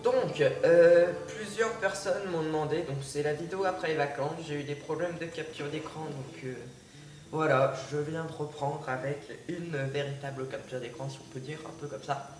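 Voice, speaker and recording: A gaming video creator with a cold gives casual commentary on a card game, hesitating often with fillers and restarts. His voice is a little high and moderately paced. He's recorded off-mic from a distance in an echoey room, with background music playing.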